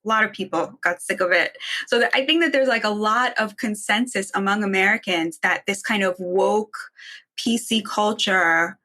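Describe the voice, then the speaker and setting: A woman in her thirties from Boston, raised in Israel, giving fast, emphatic opinions as a podcast guest with many "I mean"s. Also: mid-range voice, bright, forceful tone. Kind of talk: opinionated interview talk.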